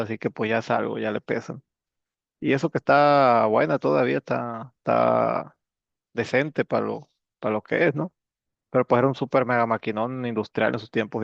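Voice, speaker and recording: A man explains English grammar in a relaxed, joking way, full of fillers. His voice sits at a middle pitch. The recording is dry and a little dull, like a lo-fi setup. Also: creaky, no echo. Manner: casual, joking, with many fillers. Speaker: English teacher.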